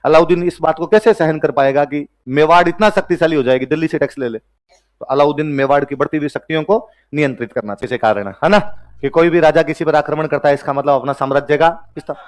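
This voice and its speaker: A man's voice: fairly high pitch, quick pace. A man teaching a history class, asking and answering his own questions and joking with students.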